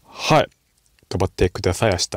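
A man's voice: sits low, animated, a little fast, no room sound, clean studio sound. A man with a Kansai accent, hosting casual horse-racing betting commentary in a rambling, self-deprecating way. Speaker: host.

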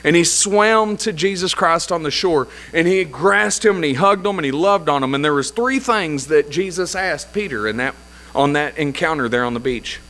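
A man's voice: on the high side, expressive, normal speed, bright, forceful tone, poor audio. A man pastor preaching a sermon in a church, opening in prayer and retelling scripture with emphatic repetition. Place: church sanctuary.

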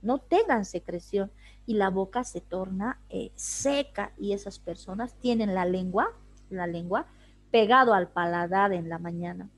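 A woman teaching anatomy in an online class, explaining step by step and asking rhetorical questions she answers herself. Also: mid-range voice. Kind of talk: online lecture. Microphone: video call.

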